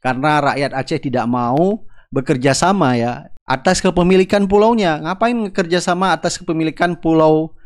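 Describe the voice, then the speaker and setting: A man's voice: on the high side, moderate pace. A man giving political commentary to viewers, often adding "ya" to the ends of his phrases. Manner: adds "ya" to phrases, talks to viewers.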